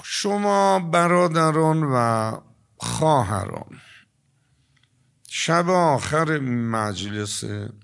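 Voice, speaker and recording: An older man giving a sermon to a gathering, telling stories and drawing some words out slowly before rushing through others. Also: fairly high pitch, expressive, creaky, a bit bright, clear, resonant tone. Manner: storytelling, shifting between slow, stretched emphasis and quick asides. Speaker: preacher. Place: religious gathering with an audience.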